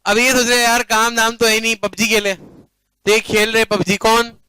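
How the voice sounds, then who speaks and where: A man's voice: very high voice, level tone, normal speed, pushed and bright, clear, resonant tone, dry recording, low-quality recording. A male commerce teacher lecturing a class playfully, often checking that students follow and mixing English phrases into his talk.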